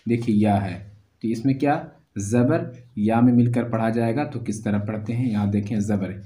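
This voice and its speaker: A man's voice: mid-range voice, dark tone. A man teaching Quran letter reading step by step, patiently repeating each syllable in a drill.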